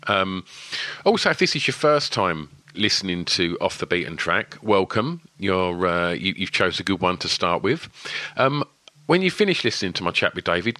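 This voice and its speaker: A man's voice: low voice, bright, forceful tone, dry recording. A man with an Essex accent and a lisp, hosting a podcast in a casual, rambling, chatty way. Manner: rambling, wittering delivery. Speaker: podcast host.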